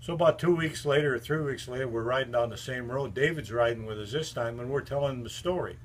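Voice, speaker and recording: This older man talks fast in a mid-range voice. His casual, meandering stories about a longtime friend double as an endorsement of that friend's books.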